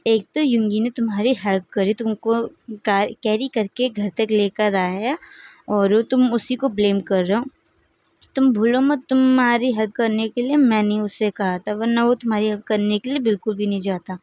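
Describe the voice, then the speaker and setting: A woman's voice: mid-range voice, fairly even intonation, moderate pace, darkish tone, dry recording, natural voice. Strict worried mom figure, scolding, woman reading it, dry close sound. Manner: scolding, fretful. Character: worried, strict middle-aged mother.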